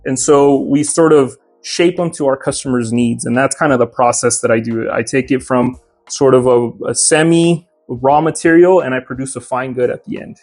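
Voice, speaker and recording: A man's voice: medium pitch, steady tone, moderate pace, darkish tone, soft background music. A young man who owns a hat shop, talking casually in an interview and explaining his craft step by step with lots of "uh"s. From Mexico. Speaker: hat maker and shop owner.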